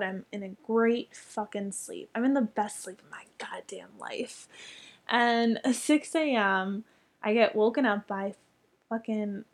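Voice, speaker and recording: A young woman telling a story in casual chat, chatty and full of fillers, with casual swearing. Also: medium pitch.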